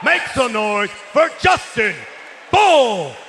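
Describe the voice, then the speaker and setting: A man working as a ring announcer, making a grand entrance announcement with shouted, drawn-out names. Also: very high voice, very animated. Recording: echoey arena PA, noisy crowd.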